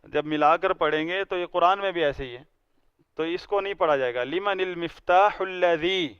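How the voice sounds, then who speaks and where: A man's voice: fairly high pitch, smooth, dry recording, lo-fi sound. A man teaching a language class, patiently explaining each word and having students read aloud. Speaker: Arabic teacher. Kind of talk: classroom grammar lesson.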